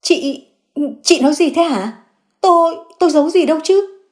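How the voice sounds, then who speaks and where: A woman voicing a sobbing young mother. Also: unhurried. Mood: flustered denial. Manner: sobbing, begging, high and strained. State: crying. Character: young mother caught lying, tearful, groveling.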